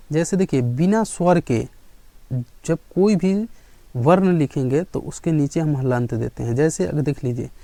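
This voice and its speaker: A man teaching a grammar lesson in a somewhat high, dark and mellow voice. He checks in with his listeners again and again and answers his own questions as he goes. The sound is dry and close, with no room around it. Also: no room sound.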